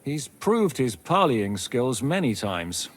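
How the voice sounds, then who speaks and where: An actor playing a brisk male captain in a video game, laying out a plan and giving orders. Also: mid-range voice, big pitch swings. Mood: commanding. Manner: commanding, briefing a plan. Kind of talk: video game cutscene acting.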